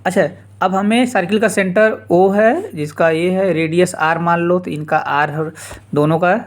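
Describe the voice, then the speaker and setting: A man teaching a geometry lesson informally, repeating steps slowly and dropping casual asides. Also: high voice. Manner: slow, repetitive explaining with casual asides. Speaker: math teacher.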